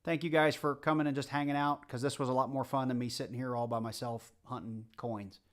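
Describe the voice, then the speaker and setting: A man hosting a livestream chats casually with viewers as he hunts coins, his light Southern US accent carried by a medium-pitched voice. His delivery is flat and a little fast, and he rambles, talking to the chat.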